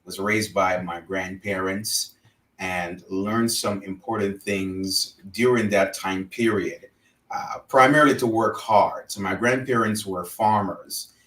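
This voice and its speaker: A man from Jamaica, a religious teacher speaking as a guest in an interview, earnest and measured. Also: low voice, fairly even intonation, a bit bright. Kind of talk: interview conversation. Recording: roomy, distant from mic.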